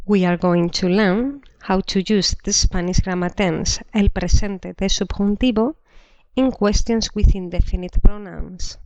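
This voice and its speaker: A woman teaching a language lesson, explaining slowly and repeating each example sentence twice. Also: medium pitch, fairly even intonation, a little mellow, dry recording. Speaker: Spanish teacher. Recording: dull dry lo-fi recording.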